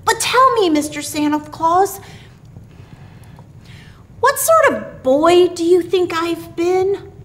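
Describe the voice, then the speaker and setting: Woman reader as sweet little boy in a children's story, high and animated, trusting, childlike, well-mannered. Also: a little slow, few pauses, exaggerated voice. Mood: anxious. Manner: childlike, earnest, polite.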